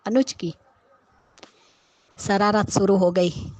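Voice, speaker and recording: Woman, viewer recap of a serial, opinionated, dry close sound, mid-pitched. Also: steady tone, slow, darkish tone, no room sound, low-quality recording. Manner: outspoken, scolding the characters. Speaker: viewer reviewing a TV serial episode. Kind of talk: casual episode recap and commentary.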